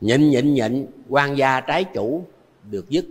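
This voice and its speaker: A man's voice: medium pitch, expressive, measured pace, in a large hall. An older man with a Southern Vietnamese accent, a Buddhist monk giving a dharma talk full of anecdotes, who chuckles often and repeats phrases for emphasis.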